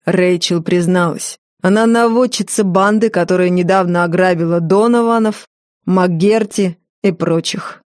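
A woman voicing a male castle keeper who speaks slowly, weightily and politely. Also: lowish voice, a little mellow, dry recording, studio quality, lightly acted. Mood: measured. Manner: slow, measured, deferential.

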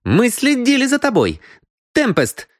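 A man voicing a sharp young actress who accuses a card cheat, in a shrill, accusing voice. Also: lively intonation, normal speed, dry recording, studio quality.

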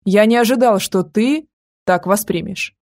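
A woman's voice: mid-range voice, a little slow, darkish tone, close to an everyday voice. A woman reading an audiobook, voicing a worried, devoted young man who speaks anxiously and earnestly.

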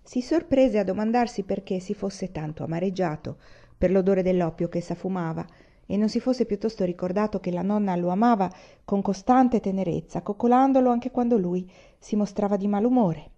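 Mellow woman reading a novel. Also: medium pitch, normal speed, dull audio. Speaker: audiobook reader.

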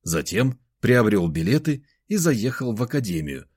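A man's voice: on the low side, big pitch swings, normal speed, darkish tone, husky, no echo, studio quality. A man reading a first-person novel aloud as an audiobook narrator.

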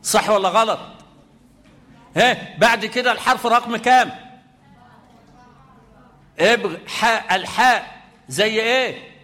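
Egyptian male Quran teacher with a high voice, middle-aged, brisk classroom quizzing mixed with slow chanted verses. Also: bright, forceful tone. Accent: Egyptian Arabic. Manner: quizzing students, chanting Quran examples slowly. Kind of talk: lively tajweed lesson with students.

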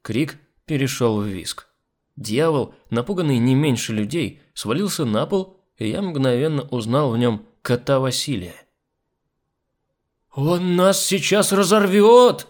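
A man with a mid-range voice and moderate pace narrates a first-person audiobook. His scripted storytelling is lively.

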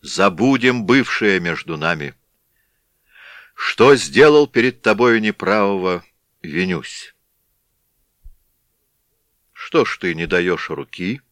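A man's voice: lowish voice, expressive, slow pace, long pauses, no room sound, heavily acted. A man doing a fierce Cossack warrior. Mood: tender. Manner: stern, commanding, loud.

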